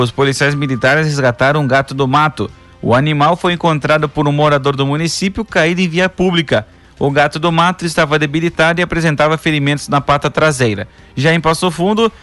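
A man reads scripted local news as a presenter, in a formal announcer's delivery with measured phrasing. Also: a little high, a bit bright, no echo.

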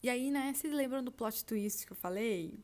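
A woman's voice: on the high side, moderate pace, a little mellow. A woman of about twenty, from Brazil, chatting casually on her podcast and telling listeners about her trip, full of fillers. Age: turning 20. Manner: chatty, lots of fillers like "tipo assim", addresses listeners as "gente". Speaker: podcast host.

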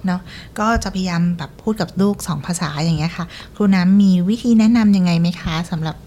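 A woman's voice: fairly low pitch, fast, dark tone. A woman co-hosting a casual interview podcast, asking questions politely and murmuring along as her guest talks. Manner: polite, with frequent backchannel murmurs. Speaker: podcast co-host.

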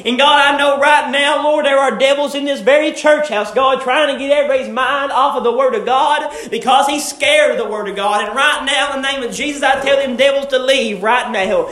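A man's voice: very high-pitched, pushed and bright, reverberant. A male preacher delivering a fervent sermon and prayer in a church, stretching out key words for emphasis. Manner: fervent, drawn-out emphatic phrasing.

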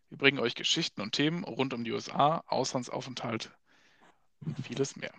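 A young man hosts a casual podcast with a gravelly, fry-tinged voice. He asks loose questions with many fillers. His voice sits dry and close, with no room around it. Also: mid-range voice, no echo. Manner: relaxed, filler-heavy questions. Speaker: podcast host.

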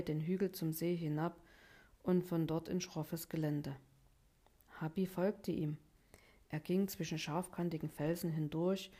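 A woman narrating a children's story aloud in a calm, even manner. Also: fairly low pitch.

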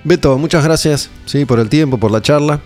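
Calm Argentine male radio host. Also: on the high side, faint music behind. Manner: measured, reflective, thanks the guest. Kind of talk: casual interview.

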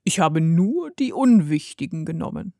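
A woman voicing a cheerful, cheeky little male bird who talks calmly and soothingly in a lowered voice, in a storybook reading. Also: normal speed, dry recording, clean studio sound. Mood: calm teasing. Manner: calm, soothing, playful.

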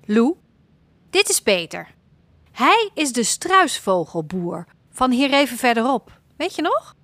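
A woman voicing a caring, practical mother in a children's audio story, calm and reassuring. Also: on the high side, slow pace, dry recording, exaggerated voice.

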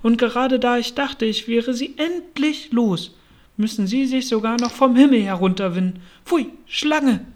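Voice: mid-range voice, moderate pace, a little hiss or hum, voice pushed up, natural voice. A reader voicing a fretful, indignant mother pigeon in a storybook. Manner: shrieking, indignant and scornful. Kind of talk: storybook reading.

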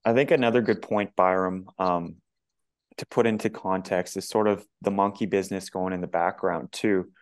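Male co-host, deep fry-heavy voice, slightly hoarse, deliberate question-asker. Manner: measured, many "um" fillers, builds a long question. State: voice going hoarse. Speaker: podcast co-host. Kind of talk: conversational interview.

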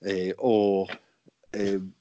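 A man's voice: deep voice, level tone, drawn-out words, dark tone, lo-fi sound. A man hosting a podcast, chatty and joking, laughing often as he talks. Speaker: podcast host. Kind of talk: casual chat.

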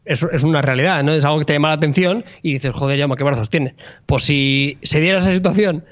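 A man's voice: fairly high pitch, fast talker, lo-fi sound, slight background noise. A man from co-hosting a podcast, in casual, emphatic chat with jokingly over-acted enthusiasm. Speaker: podcast co-host.

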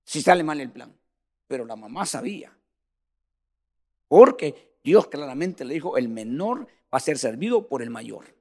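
A man preaching a sermon in a church, animated, often calling his listeners "brother" and swinging between loud and soft. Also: mid-range voice, a little slow.

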